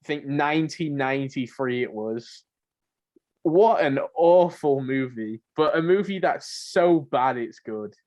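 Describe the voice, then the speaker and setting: A podcast co-host chats casually and informally about films and games, offering opinions of his own. His medium-pitched voice has lively intonation and is unhurried and a little mellow, with lo-fi sound.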